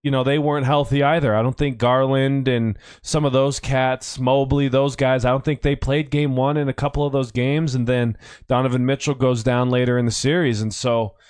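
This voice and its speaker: A man hosting a casual sports podcast, his voice a bit strained from yelling, rambling and correcting himself as he talks. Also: medium pitch, little pitch movement, moderate pace, clear, resonant tone, dry recording, studio quality. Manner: rambling, self-correcting, conversational. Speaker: podcast host; youth coach.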